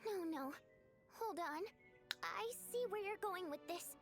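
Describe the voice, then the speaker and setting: An actress voicing a quick-witted young woman performer in a video game, lively and questioning. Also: very high-pitched, exaggerated voice. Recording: game audio with faint music behind.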